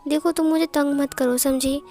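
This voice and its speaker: A brash young man who shrugs things off with blunt mockery, as a woman plays him. The voice is pitched high over faint background music. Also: steady tone, moderate pace, dark tone. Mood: mocking. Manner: blunt, mocking.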